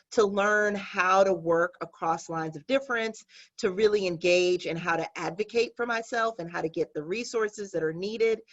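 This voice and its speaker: A woman speaking earnestly and steadily as a panelist, giving prepared remarks over a video call. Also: mid-range voice. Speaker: panelist, business owner. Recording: dull, muffled video-call audio.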